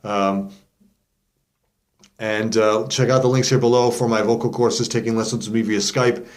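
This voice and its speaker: With a fairly low, steady voice at a moderate pace, a male vocal coach talks viewers through a casual, step-by-step lesson in his instructional video, keeping it informal and demonstrative.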